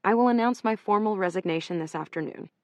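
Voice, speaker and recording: A woman's voice: medium pitch, quick pace, no echo, natural voice. A woman narrator voicing a wronged female editor who speaks firmly and in clipped, barely controlled lines. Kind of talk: audiobook character reading.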